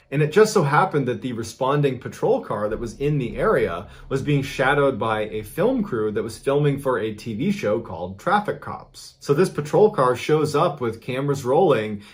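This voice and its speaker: A man narrating a strange true story in a casual, conversational way, building suspense with sudden emphatic lifts. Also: mid-range voice. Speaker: storyteller host.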